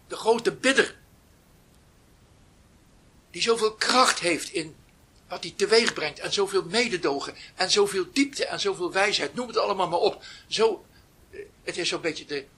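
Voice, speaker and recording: A man with a high, bright voice and a husky edge gives a reflective spiritual talk. He speaks slowly with pauses, sometimes sinking to a near whisper before rising again with emphasis. His voice sometimes drifts away from the mic. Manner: slow, pausing delivery. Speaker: spiritual teacher.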